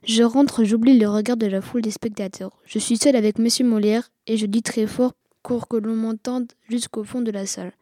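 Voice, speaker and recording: A woman narrating a first-person storybook in a steady reading voice. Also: fairly high pitch, normal speed, few pauses, no room sound, clean studio sound.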